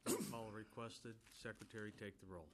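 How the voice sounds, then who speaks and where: A man presiding over a legislative hearing, calling the next items in a procedural, halting way, heard on a hearing-room recording. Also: lowish voice, fairly even intonation, background noise. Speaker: committee chair.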